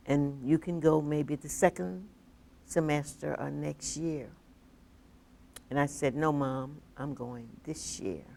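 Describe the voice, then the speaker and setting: Older woman interviewee with a deep, gravelly voice who tells stories at a slow pace and acts out the dialogue. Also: dark tone. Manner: vivid, acts out quoted dialogue. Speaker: oral history interviewee. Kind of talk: personal storytelling.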